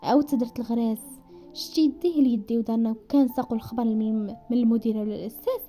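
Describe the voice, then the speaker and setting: A woman's voice: fairly high pitch, soft background music. A woman with a Moroccan Darija accent narrating a romance story at speed, voicing the characters' dialogue as she goes. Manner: rapid, animated reading that slips into characters' voices.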